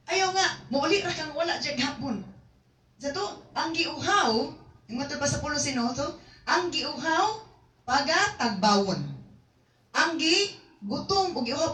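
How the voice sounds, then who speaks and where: Woman preacher, higher voice, roomy sound. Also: a bit bright, slight background noise. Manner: mixes Cebuano and English, reads verses aloud then explains. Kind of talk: sermon. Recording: echoey room, mic at a distance.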